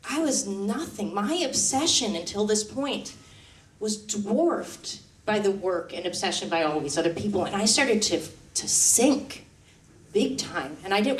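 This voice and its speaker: A woman violinist telling stories from her life in a live one-woman stage show, chatty and self-deprecating, with light laughs. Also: medium pitch. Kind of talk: live stage storytelling monologue. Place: stage before a live audience. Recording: roomy hall, mic at a distance.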